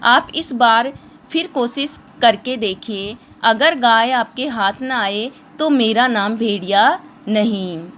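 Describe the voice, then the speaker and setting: A woman's voice: on the high side, slow pace, fairly bright tone, a little hiss or hum. A woman voicing a sly male wolf in a storybook read-aloud for children. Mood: coaxing.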